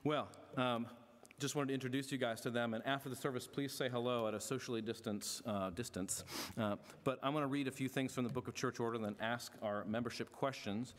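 A middle-aged male pastor speaks from the pulpit of a large church, his voice carrying a long hall reverb. He has a mid-range voice for a man and moves between formal, measured reading and easygoing, joking remarks to the congregation. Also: mid-range voice, fairly even intonation. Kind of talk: church membership service address. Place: large church sanctuary with stage.

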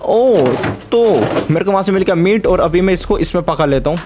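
A man's voice: high voice, expressive, a little fast, noisy background. A young man giving playful let's-play commentary, pleading jokingly with the game characters. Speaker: gaming YouTuber.

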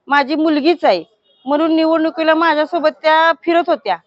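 A woman village head from Maharashtra speaks to news reporters in a high voice, indignant and forceful. The sound is dry and dull, a lo-fi news recording. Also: steady tone, fairly quick, no echo. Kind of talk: statement to news media.

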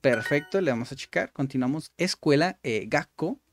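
A man's voice: on the high side, expressive, moderate pace, soft background music. A man giving casual gameplay commentary, repeating each word aloud and explaining it like a patient tutor. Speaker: gaming YouTuber.

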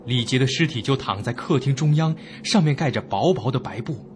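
A man's natural, mid-range voice moves briskly over a faint hiss or hum. In character as an uneasy young man, he relates his haunted inn ordeal as a ghost story, dramatic and suspenseful, with a fearful, expressive edge.

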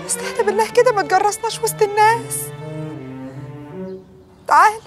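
An actress playing a sharp-tongued, pious village woman in a TV drama, scolding and pleading. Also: very high-pitched, fairly even intonation, brisk, over music. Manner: scolding, coy protests. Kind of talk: television drama acting.

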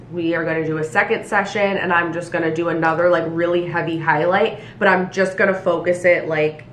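A woman's voice: lowish voice, a little hiss or hum. Chatty young woman hairstylist vlogging. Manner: chatty, frequent "like" fillers, animated hand gestures. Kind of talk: casual vlog chat to camera. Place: small bedroom at home, indoors.

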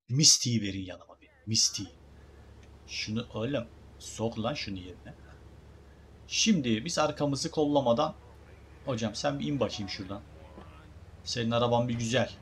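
A man's voice: medium pitch, fairly quick, slight background noise. A man giving casual, joking let's-play commentary as a gaming YouTuber, talking to his viewers as guys.

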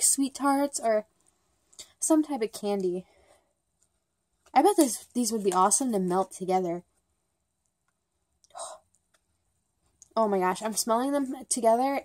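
A woman with a mid-range, slightly mellow voice chats through a casual review of wax melts as a vlogger at home. She rambles bubbly with lots of "like" and "um," and says herself that she talks fast at times.

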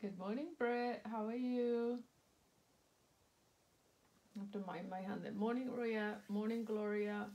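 A woman hosts a casual live craft demo at an indoor craft table, speaking slowly and chattily with plenty of ums and greeting viewers by name. Her medium-pitched voice is mellow with fairly even intonation, she has a slightly sore throat, and the audio is poor.

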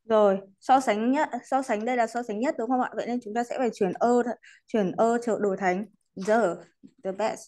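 Her voice sits on the high side yet sounds dark, steady in tone and at a normal speed. She runs an online English class with patience and politeness, slipping English words into explanations and putting courteous particles on most sentences.

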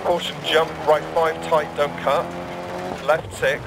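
A man playing a brisk, focused rally co-driver in a racing game, calling rapid clipped pace notes. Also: a little high, flat delivery, vocal fry, loud music behind the voice. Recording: loud car engine noise. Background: roaring rally car engine.

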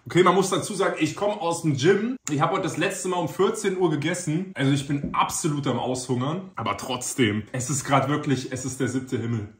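A man's voice: fairly high pitch, fairly quick, hardly any pauses. Casual young man in a roomy space. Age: 20s. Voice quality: slangy, informal delivery. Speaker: YouTuber. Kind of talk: casual chat to camera. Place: small indoor room. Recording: roomy, echoey indoor sound.

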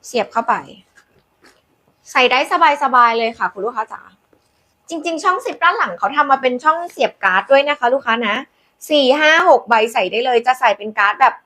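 A woman hosting a live sales pitch, demonstrating products in a chatty, coaxing way with polite endearments to customers. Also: lively intonation, brisk, bright, forceful tone. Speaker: live-selling host presenting handbags.

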